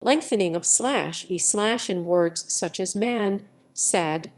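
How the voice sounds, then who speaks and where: Computer woman voice reading a wiki article, mid pitch, flat and literal, spells out phonetic symbols letter by letter. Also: takes it slowly. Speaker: article reader. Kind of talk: automated encyclopedia reading.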